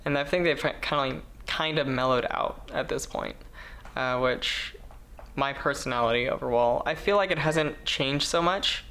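A woman's voice: rumbling low, moderate pace, fairly bright tone. A woman co-hosting a podcast in casual chat, laid-back, swearing casually and laughing, recorded in a small apartment. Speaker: podcast co-host.

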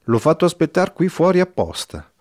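A man's voice: a little high, sing-song, normal speed, no echo, clean studio sound, voice pushed up. A man reading the part of a resolute young villager, telling news in a plain, firm, earnest way.

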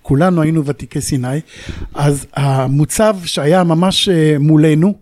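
Older man, high voice, telling war memories. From Israel. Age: 70s. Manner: animated storyteller who acts out radio calls. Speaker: war veteran interviewee. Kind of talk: recounting memories in an interview.

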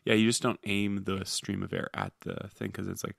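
A man drops deadpan quips on a casual podcast. His voice is low and gravelly, and the close mic gives a dry sound. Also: moderate pace, no room sound. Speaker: podcast co-host. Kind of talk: casual chat. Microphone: close studio mic.

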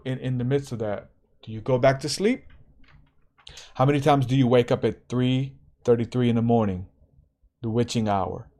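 A man's voice: mid-range voice, dark tone. A man hosting a podcast, giving a spiritual encouragement talk in a preacherly, repetitive way and laughing often. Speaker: podcast host.

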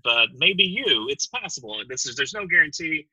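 Deadpan husky-voiced male podcast co-host. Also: on the high side, moderate pace, no room sound, rough recording. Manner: deadpan mock-promotional delivery. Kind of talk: comedic podcast banter.

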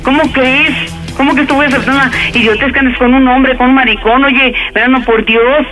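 A woman's voice: high voice, fairly even intonation, moderate pace. A mother with a Mexican accent, angry and swearing as she scolds her son over a phone line aired on radio. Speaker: mother, prank call target. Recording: phone call aired on radio, music behind.

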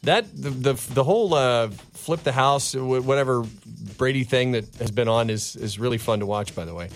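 A man's voice: mid-range voice, moderate pace, soft background music. An American man working as a morning show host, with casual, upbeat radio banter. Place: radio studio.

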